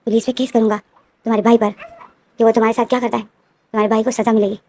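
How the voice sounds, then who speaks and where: A woman doing a calm reassuring male friend. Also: on the high side, fast talker. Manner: soothing, instructive.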